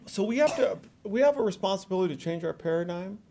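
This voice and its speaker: High-voiced gravelly man joking at a reception. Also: animated, quick pace, background noise. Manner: joking, self-deprecating, repeats words. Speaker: award speaker. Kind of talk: speech at a reception. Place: reception hall with audience.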